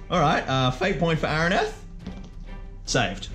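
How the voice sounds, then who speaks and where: With music playing behind him, a man hosts and plays a tabletop wargame, narrating the action in a slow, fairly high, fairly bright voice with lively intonation. He jokes, pokes fun at himself, and exclaims whenever the dice roll.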